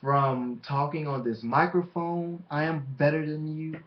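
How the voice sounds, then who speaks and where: A man delivering a boastful, taunting wrestling promo as a monologue, with deliberate dramatic pauses. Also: a little high, steady tone. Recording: dull lo-fi microphone recording.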